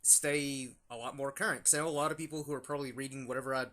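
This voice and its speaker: Man, young adult, casual review talk, lots of ums, bright forward tone. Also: mid-range voice, steady tone, rapid-fire. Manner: rambling, many fillers and restarts. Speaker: YouTube channel host.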